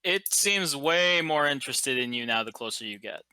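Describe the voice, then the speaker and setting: A man narrating as game master of a tabletop game, in a casual, halting way with many fillers. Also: mid-range voice, animated, bright, forceful tone, smooth.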